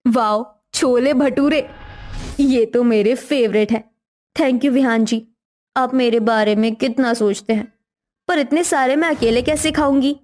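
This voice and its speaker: A greedy young daughter-in-law from a cartoon story, voiced by a woman. Her voice is high and girlish, and she gushes over food. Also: a little slow, darkish tone, natural voice. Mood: delighted.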